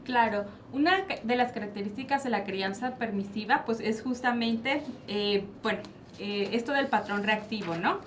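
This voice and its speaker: A woman's voice: on the high side, normal speed. A woman psychologist with a Mexican Spanish accent, explaining parenting styles in a panel discussion and posing rhetorical questions she answers herself. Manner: explanatory, asks and answers her own questions. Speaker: child psychologist guest. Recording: faint background noise.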